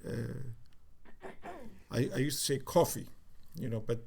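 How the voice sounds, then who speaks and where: A man in his sixties from Cyprus with a light Cypriot accent, recalling the past in a casual family interview, halting often with fillers. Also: mid-range voice, steady tone. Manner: reflective, halting with many fillers. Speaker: interviewee, father.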